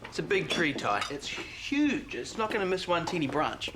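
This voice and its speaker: A man's voice: a little high, sing-song, moderate pace, heavy background noise. An actor with a New Zealand accent playing a cocky young male god who talks in a brash, mocking, joking way. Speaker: actor in a TV series. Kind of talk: TV drama acting. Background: music.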